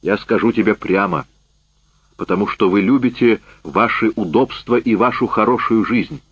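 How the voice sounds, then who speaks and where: A man voicing a bitter, worn-out man back from a camp, speaking loud and heated, in a dull, dry recording. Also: fairly low pitch, normal speed, husky, no room sound. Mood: accusing.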